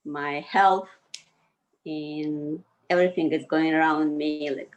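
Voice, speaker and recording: Low, slow-spoken woman with an Azerbaijani accent. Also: fairly even intonation, highs cut off. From Baku, Azerbaijan. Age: 50s or older. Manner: halting, loosely structured non-native English. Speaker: interview guest, yoga community member. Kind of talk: casual conversational interview answers.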